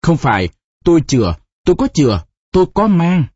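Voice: mid-range voice, sing-song, a little fast, a little mellow, husky, dry recording, muffled recording, voice pushed up. A narrator voicing a frightened young village daughter who stammers and pleads.

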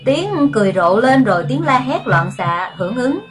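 A woman narrating a story in a calm, unhurried way with many pauses. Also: fairly high pitch. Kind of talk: audiobook narration. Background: music.

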